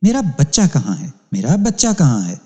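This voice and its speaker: A man's voice: wildly swooping pitch, mellow. A man voicing a frantic young mother who wails and pleads for her child. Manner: shrill wailing pleas. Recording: long hall reverb.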